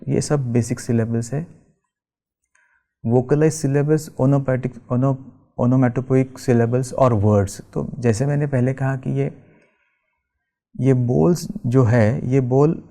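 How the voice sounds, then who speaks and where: Slow-speaking male tabla teacher. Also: medium pitch, mellow. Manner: slow, explanatory, recites bols rhythmically, mixes English terms. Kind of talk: lecture with spoken tabla syllables. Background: tabla music.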